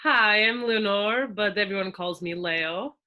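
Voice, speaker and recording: A Portuguese woman in her twenties appears as a guest on a casual podcast interview, with a plain accent and a bright, forward voice of medium pitch. She talks at a measured pace in a loose, chatty way, relying on fillers and frequently restarting sentences.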